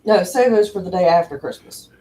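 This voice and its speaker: A woman's voice: on the low side, animated, brisk, dark tone, rough recording. Blunt wisecracking woman. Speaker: host's wife, co-host. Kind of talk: casual live-stream chat.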